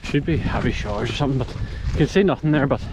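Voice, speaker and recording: A man's voice: mid-range voice, very fast. A man with a Northern Irish accent, chatting casually and thinking aloud as he hikes a wet mountain trail, filmed on a handheld phone. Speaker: hiking vlogger. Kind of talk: casual walk-and-talk vlog. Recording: loud wind noise outdoors. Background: wind and rain.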